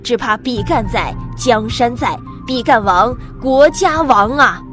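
Storybook, woman doing a furious loyal old minister, lowered voice, loud outbursts. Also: a little slow, faint music behind. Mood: indignant. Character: loyal old male minister, defiant and grieving.

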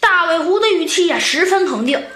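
A woman narrating a children's storybook in an expressive, sing-song way, drawing out her sentence particles. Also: extremely high pitch, fairly quick. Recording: echoey room with faint music.

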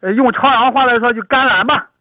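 Thick-tongued, high-pitched man with a Chaoyang accent. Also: a little fast, no echo. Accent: Chaoyang, Liaoning. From rural Chaoyang, Liaoning, northeast China. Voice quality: thick-tongued, slightly slurred speech. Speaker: farmer and amateur village performer, interview guest. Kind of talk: informal interview answers. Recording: dull radio-like sound, faint crowd.

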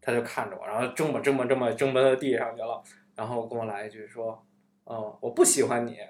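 A man's voice: medium pitch, fairly even intonation, fast talker. A man chatting casually, telling funny stories about his child with frequent laughter. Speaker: podcast guest, father. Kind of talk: casual chat, anecdotes.

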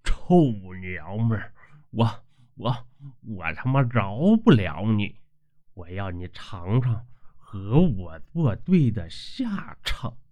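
A man voicing a lecherous old male landlord who talks slowly in an oily, menacing way. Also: medium pitch, very animated, warm tone. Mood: vengeful. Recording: dull lo-fi recording.

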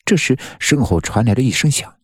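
A man's voice: medium pitch, animated, brisk, husky, no echo, studio quality. A man narrating a suspenseful story in a tense storytelling manner. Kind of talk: dramatic story reading. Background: faint music.

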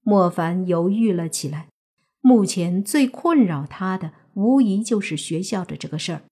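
Woman audiobook narrator, husky, lower pitch, steady storytelling. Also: normal speed. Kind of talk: serialized novel narration.

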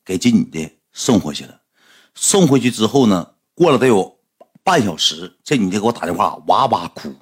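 A man with a Northeastern Chinese accent telling a comic story in a lively, colloquial way. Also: on the low side, a little fast, husky. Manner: lively, colloquial, animated retelling.

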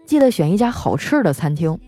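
A woman radio host telling comic stories about her family, chatty, with drawn-out particles and frequent laughs. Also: lowish voice, big pitch swings, dark tone. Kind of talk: comic storytelling monologue. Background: faint background music.

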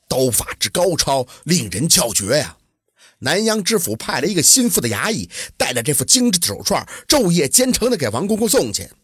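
A man telling a folk tale in a lively, colloquial storytelling manner. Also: fairly high pitch, slightly rough, dry recording, clean studio sound.

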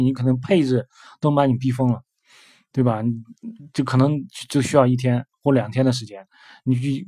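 A man's voice: medium pitch, a little mellow, slightly rough, no echo, studio quality. A young man giving casual spoken advice as a developer, hesitant, with many fillers and repeated words.

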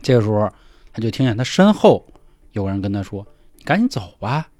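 A man telling a ghost story in casual chat, acting out the dialogue in hushed voices. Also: lowish voice, very animated, fairly quick, no room sound, faint music behind. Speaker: podcast storyteller.

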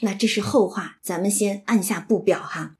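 A woman's voice: medium pitch, normal speed. A woman retelling and explaining a classic novel in a chatty lecture, often checking in with her listeners. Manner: chatty, asks listeners for agreement. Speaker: literature explainer.

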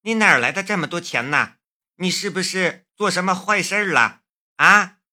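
A man's voice: high voice, expressive, moderate pace, bright, forceful tone, pitched above the performer's own voice, exaggerated voice. A man doing a bubbly teasing little sister. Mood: suspicious. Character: teasing playful young woman, little sister.

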